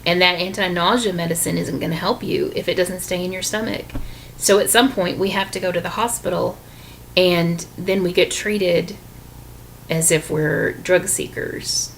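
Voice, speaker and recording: A woman with a lowish, gravelly voice tells her own story to camera, candid and unpolished, pausing often to restart her sentences. A faint hiss sits under her voice. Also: steady tone, rough recording. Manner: candid, with frequent ums and restarts. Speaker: vlogger sharing her illness story.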